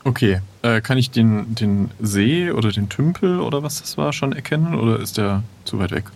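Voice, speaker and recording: A man with a gravelly, expressive, medium-pitched voice plays an improvised audio adventure at a normal pace, with slight background noise. He thinks aloud casually and announces his moves hesitantly.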